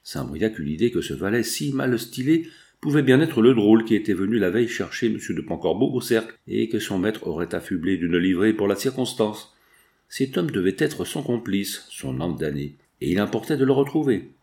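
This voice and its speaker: A man reading a classic novel aloud as an audiobook in a steady narration. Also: on the low side, moderate pace. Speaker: audiobook reader. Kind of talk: scripted narration.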